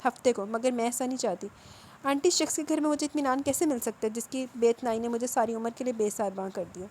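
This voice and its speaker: A woman's voice: fairly high pitch, a little mellow, slight background noise, close to an everyday voice. A woman reading as a proud, hurt young heroine. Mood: defiant hurt.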